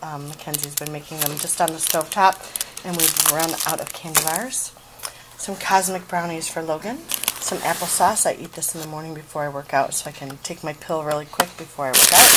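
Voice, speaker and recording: A woman's voice: lowish voice, heavy background noise. A middle-aged woman chatting casually through a grocery haul in her home kitchen, listing items with fillers as she goes, filmed on a handheld phone. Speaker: vlogger. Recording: plastic bags crinkling in the background.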